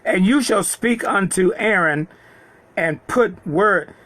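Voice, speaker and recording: High-pitched man, unhurried, dry close sound, bible reading with casual commentary. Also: a bit bright, no room sound. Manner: reads slowly with halting repeats, then paraphrases God in casual speech. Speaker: Bible teacher. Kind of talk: scripture reading with sermon commentary.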